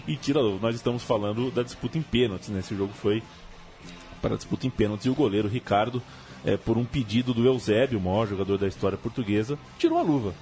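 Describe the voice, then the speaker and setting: A man's voice: on the low side, fast talker, a little mellow, faint music behind. A man with a Brazilian accent casually telling football stories as a show host. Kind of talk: casual football storytelling chat.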